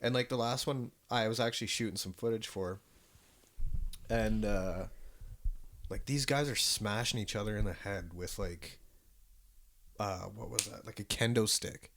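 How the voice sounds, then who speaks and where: A man's voice: on the low side, unhurried, pauses often, fairly bright tone, a little hiss or hum. A man co-hosting a casual podcast, rambling and swearing freely as he tells stories, with lots of restarts and fillers. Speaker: podcast co-host. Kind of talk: casual chat.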